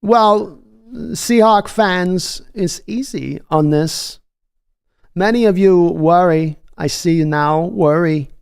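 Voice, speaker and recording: A man putting on a male football pundit, blunt, clipped phrases, raised pitch, slow emphatic delivery. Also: vocal fry, clear, resonant tone, full character voice. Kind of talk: mock impression in a sports livestream.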